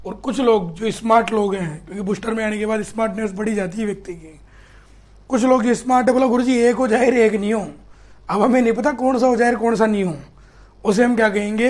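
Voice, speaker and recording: A man's voice: high-pitched, darkish tone. A middle-aged man with a Rajasthani accent, teaching history in a live online class, reading out student comments and quizzing them in a chatty, teasing way.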